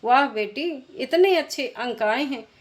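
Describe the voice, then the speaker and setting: A woman voicing a proud, loving middle-aged father who speaks with hearty warmth. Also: high-pitched, lively intonation, a little slow.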